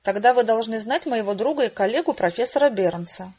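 A woman voicing a suspicious man who keeps questioning a stranger, husky on a dull lo-fi recording. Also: on the high side, expressive, a little fast, warm tone. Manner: suspicious, insistent. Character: suspicious squinting male doctor.

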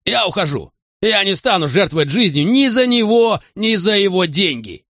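A man voicing a panicked man on the edge of hysteria, who talks in shrill, frantic bursts. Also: very animated, moderate pace, sharp tone, dry recording, clean studio sound, full character voice. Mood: furious.

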